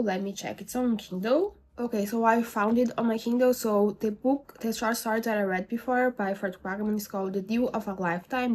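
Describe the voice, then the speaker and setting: A woman with a mid-range, darkish voice gives a casual, rambling book review as a book vlogger. English is not her first language, and her talk is full of fillers and self-corrections.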